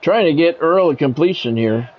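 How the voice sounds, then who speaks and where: This fairly high-pitched man has lively intonation and a moderate pace as he delivers clipped, short-phrase football play-by-play for a video game. His asides come off casual, dry and blunt; he's a sports video game streamer and commentator. Expect a dull, lo-fi recording with faint noise.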